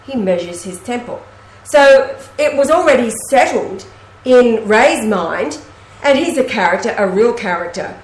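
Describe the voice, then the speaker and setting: Woman, casual storytelling, animated, fairly high voice, roomy echo. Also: measured pace. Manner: animated storyteller, acts out quoted speech. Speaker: host. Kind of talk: casual conversation. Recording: echoey room.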